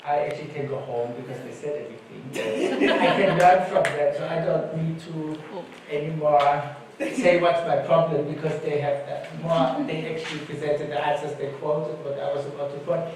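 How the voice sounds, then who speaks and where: A man's voice: on the high side, steady tone, normal speed, a crowd in the background. Man telling stories in an echoing hall. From Germany. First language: German. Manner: informal, anecdotal storytelling. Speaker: conference panelist. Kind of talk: conference talk. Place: conference hall. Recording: echoey hall, distant mic, faint noise.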